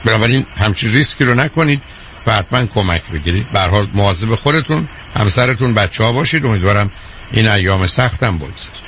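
A man hosting a call-in advice show on the radio, talking to callers frankly, calmly and directly. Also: lowish voice, slight background noise.

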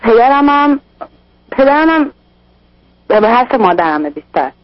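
A woman's voice: on the high side, sing-song, no echo, dull audio. A young woman calling in to a radio advice show, speaking hesitantly with filler sounds. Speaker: caller.

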